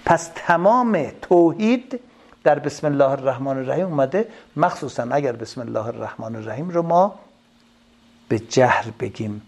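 A male preacher delivers a religious lecture in a gravelly voice. His tone has a husky edge. He often poses a question and then answers it himself. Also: medium pitch, a little mellow. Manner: asks rhetorical questions and answers them himself.

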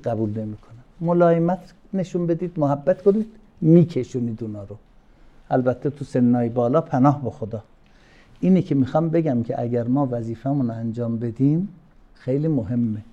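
An older man teaching a religious class, telling personal stories and stressing his points by slowing down and suddenly raising his voice. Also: medium pitch, dull audio. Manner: warm storytelling with sudden loud emphatic lines; slows down and stretches key words. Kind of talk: informal religious talk to a class.

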